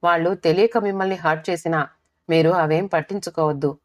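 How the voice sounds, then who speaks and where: A woman voicing a calm, firm middle-aged wife who reasons gently. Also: lowish voice, brisk, close to an everyday voice. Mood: firm, soothing.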